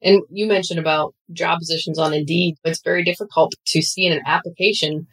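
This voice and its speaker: A woman speaking as an interview guest and expert on women in the skilled trades, giving earnest, steady advice. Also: low voice, a little fast, low-quality recording. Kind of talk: conversational interview.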